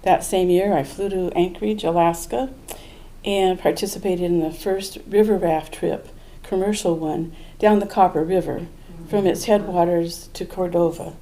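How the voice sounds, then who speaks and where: A woman's voice: on the low side, fairly even intonation, moderate pace, warm tone, a little hiss or hum, low-quality recording. An older woman telling a true story at a live event, in an earnest, reflective way. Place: small museum event room.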